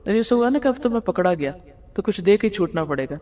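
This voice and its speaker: A woman's voice: medium pitch, animated, dark tone. A woman teaches a religious lesson in an explanatory way. She asks her listeners rhetorical questions and drops English words into her speech. Her voice carries a long reverb, as in a large hall. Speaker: Islamic teacher. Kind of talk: religious lecture explaining hadith.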